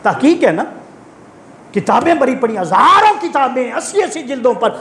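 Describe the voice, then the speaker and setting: Fervent high-voiced male preacher. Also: sing-song, echoey room, slight background noise. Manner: fervent, rising to shouts, calls for congregation replies. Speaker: Islamic preacher. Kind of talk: impassioned sermon.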